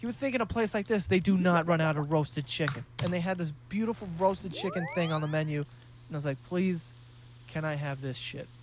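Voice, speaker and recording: A man's voice: high-pitched, quick pace, slight background noise. Profane rambling New guy. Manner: profane, rambling, jokey storytelling. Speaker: podcast host. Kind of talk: casual podcast monologue.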